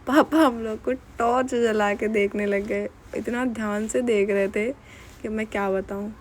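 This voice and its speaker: A woman's voice: mid-range voice, steady tone, measured pace, slight background noise. A young woman narrating a casual home vlog, telling a story in a chatty, giggly way. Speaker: vlogger.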